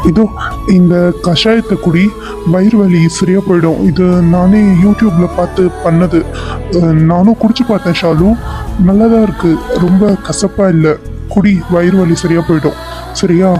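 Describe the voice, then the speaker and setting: A man voicing an obsessive young male kidnapper in a cartoon serial, who fusses softly over his captive. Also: sits high, unhurried, music in the background. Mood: doting. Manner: soft, fussing, over-attentive. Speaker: cartoon character.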